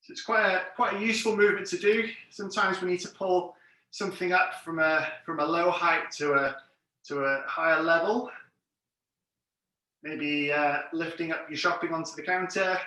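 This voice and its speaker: Male fitness instructor, bright high voice, encouraging step-by-step cues, class instruction, very reverberant room, distant mic. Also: fairly even intonation, moderate pace. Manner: encouraging, plain step-by-step cueing.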